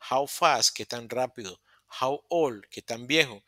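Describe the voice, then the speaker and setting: A man's voice: medium pitch, a little slow, bright, forceful tone, no echo, studio quality. A man teaching English grammar in an online class, explaining step by step, repeating phrases and correcting himself as he goes. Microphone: computer microphone in a virtual session.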